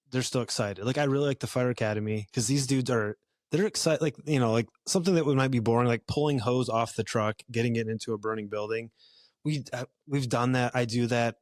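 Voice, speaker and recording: A man with a mid-range voice hosts a podcast, chatting casually and easygoingly with plenty of fillers and restarts. The recording is studio quality with no room sound.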